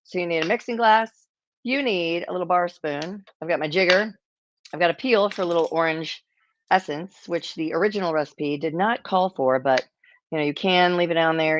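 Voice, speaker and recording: A woman's voice: fairly low pitch, fairly bright tone, lo-fi sound. A woman hosting a casual cocktail-making demo, chatty and self-deprecating, with rambling asides. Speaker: cocktail show host.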